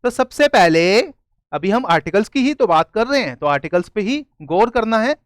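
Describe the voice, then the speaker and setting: A man teaching grammar in a video lesson, explaining step by step and often checking "clear?". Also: sits high, very animated, moderate pace, no room sound. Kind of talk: classroom-style video lesson.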